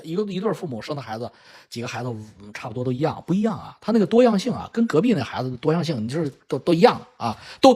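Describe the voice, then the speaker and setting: A man's voice: a little high, husky. A middle-aged man hosting a casual livestream chat, telling family stories animatedly with swearing and laughs. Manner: acts out children's voices in quoted lines. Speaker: livestream host. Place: home in Vancouver.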